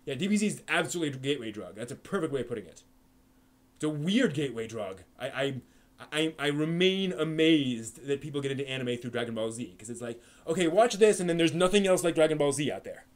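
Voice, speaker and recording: A man with a slightly high voice and lively intonation hosts a live stream, talking fast and casually as he answers viewer questions. He rambles, full of fillers and restarts.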